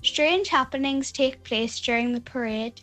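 Very high female voice reading a review. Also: unhurried, fairly bright tone, soft background music. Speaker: book reviewer. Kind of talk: scripted book review read aloud.

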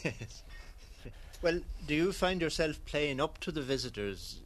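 A man's voice: a little high, animated, measured pace, fairly bright tone. A man, putting questions as an interviewer for a broadcast documentary.

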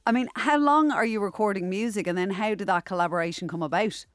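A woman's voice: medium pitch, fast, dry recording. A woman with an Irish accent hosting a chatty radio interview. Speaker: radio host.

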